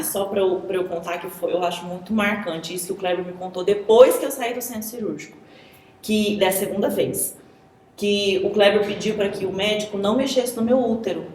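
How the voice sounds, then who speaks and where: A woman's voice: mid-range voice, a little fast, darkish tone, a little hiss or hum. A young woman from Goiás, Brazil, giving an earnest personal testimony as an interview guest, full of "assim" and "sabe". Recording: echoey room.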